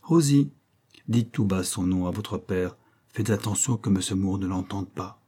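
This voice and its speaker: A jovial, bluff father who teases in a low, mellow voice, as a male reader plays him. His tone is warm and easygoing. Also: unhurried, slightly rough. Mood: teasing. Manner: jovial, teasing. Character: bluff teasing middle-aged father.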